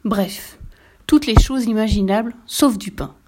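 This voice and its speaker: A woman reads a children's story aloud at a medium pitch. Her narration is soft and gentle, easing lower and quieter between the characters' lines. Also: measured pace, background noise.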